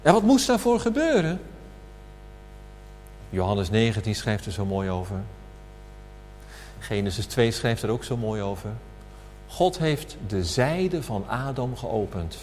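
A man preaching a sermon at a communion service, slow and emphatic, asking rhetorical questions. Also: lowish voice, big pitch swings, darkish tone, faint music behind. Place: church hall. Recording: reverberant hall with faint hum.

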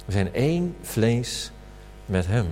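A man preaching a sermon at a communion service, slow and emphatic, asking rhetorical questions. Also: mid-range voice, big pitch swings, mellow. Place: church hall. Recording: reverberant hall with faint hum.

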